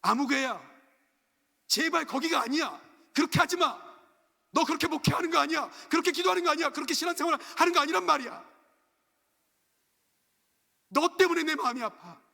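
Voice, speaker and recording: A man's voice: very high-pitched, animated, measured pace, long pauses, bright, forceful tone, voice pushed up, heavily acted. A man voicing God as a loving father who urgently pleads with his child to stop and rest, heard in an echoey church sanctuary. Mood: anguished pleading.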